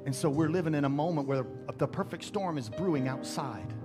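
A middle-aged man preaches from a church stage in a fairly high voice, swelling into emphatic calls and stretching out scripture lines. He speaks into a headset mic, and guitar music plays clearly behind him. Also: a little fast. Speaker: pastor. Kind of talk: sermon.

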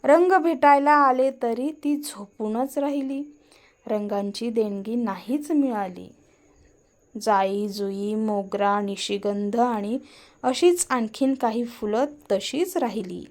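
A woman storyteller reads a children's tale in a gentle, sing-song way, her voice sitting a little high. She takes it unhurriedly, letting each short phrase land before the next. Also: slow pace.

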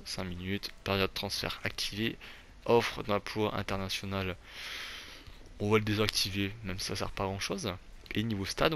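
Young male gaming YouTuber, low voice, loose rambling commentary, faint hum behind. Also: a bit bright. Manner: rambling, many fillers and restarts; self-deprecating about his English accent. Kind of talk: casual gameplay commentary.

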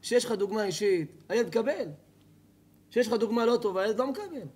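A man, a rabbi, giving a lively sermon to a live audience, telling stories, asking the audience questions and joking. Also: high-pitched, breathy edge. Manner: animated storytelling, asks the audience questions, jokes. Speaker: rabbi giving a Torah lecture. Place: hall with an audience.

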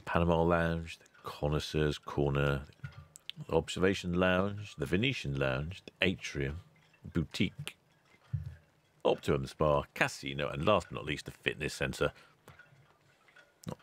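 Host VO: very low male voice, casual and wry, cheery sign-offs. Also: normal speed, pauses often. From England. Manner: chatty, dry asides, loud cheery greetings. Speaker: ship-spotting channel host. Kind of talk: relaxed voice-over narration.

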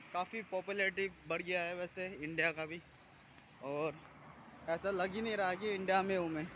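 A man in his thirties chatting casually to a handheld phone camera as he walks outdoors, rambling and often clearing his throat. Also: high-pitched. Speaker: vlogger. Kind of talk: casual walking vlog. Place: outdoors on a sunny city street. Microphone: phone camera held at arm's length. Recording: noisy street traffic outdoors. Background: passing traffic.

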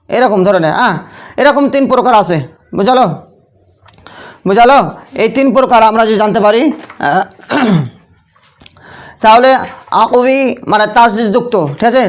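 A man teaches tajweed as a classroom lesson. He keeps asking rhetorical questions and answers them himself. He often checks in with short tag questions. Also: high voice. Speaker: Quran recitation teacher.

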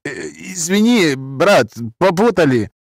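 A man voicing a nervous, fawning man who pleads to smooth over a fight. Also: a little high, big pitch swings, slow, no room sound, voice pushed up, heavily acted. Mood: pleading. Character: nervous man placating a scarred thug.

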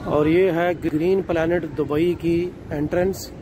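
Addressing his viewers as "nazreen," a middle-aged Pakistani vlogger strolls outdoors through the city at night, leisurely pointing out sights. His voice is fairly high, steady and unhurried, captured on a handheld phone camera over the sound of traffic.

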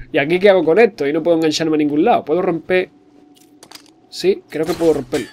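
A man giving jokey let's-play commentary, excitable and swearing often. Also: a little high, fairly quick, slight background noise. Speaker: gamer.

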